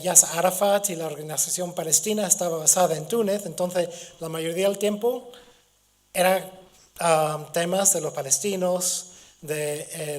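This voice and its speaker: This guest lecturer is a middle-aged Gibraltarian whose first language is English, and his voice is a little high with a darkish tone. Hoarse from a cold, he works through a university lecture haltingly, with restarts and fillers.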